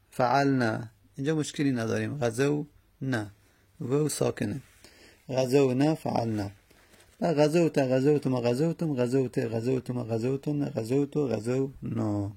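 A man's voice: mid-range voice, creaky, a little mellow, slightly rough. A man teaching an Arabic morphology lesson, carefully working through verb forms and repeating each one aloud.

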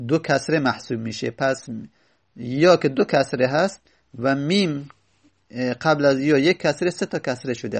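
Gravelly-voiced man explaining grammar. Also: mid-range voice. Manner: reads a text line, then explains it; asks and answers his own questions. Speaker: teacher. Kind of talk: teaching Arabic grammar from a classical text.

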